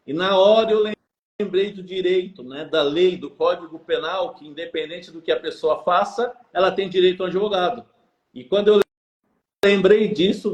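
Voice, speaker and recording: A man's voice: on the high side, darkish tone, roomy sound, dull audio. A man with a Brazilian Portuguese accent, a podcast guest telling his personal story with emphatic, dialogue-filled storytelling. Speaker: guest, recovery ministry founder. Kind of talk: personal testimony in a podcast interview.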